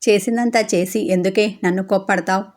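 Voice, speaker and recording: Cheeky young girlfriend, voiced by a woman narrator; teasing, even-pitched. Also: fairly quick, close to an everyday voice. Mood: aggrieved. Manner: teasing, mischievous.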